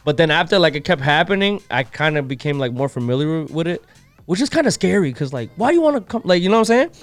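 A young man chats on a podcast, telling a story in a lively, slang-heavy way and slipping into Spanish now and then. His voice sits a bit high for a man. The mic is close and dry, with faint music playing underneath. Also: fast talker, no room sound. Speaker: podcast co-host. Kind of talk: casual chat.

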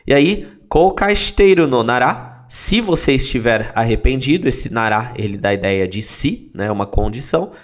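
A man leads a language lesson at a middle pitch. He works through each phrase step by step, splitting words into their parts and saying them again slowly. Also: expressive. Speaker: language teacher. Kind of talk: explaining phrases in a lesson series.

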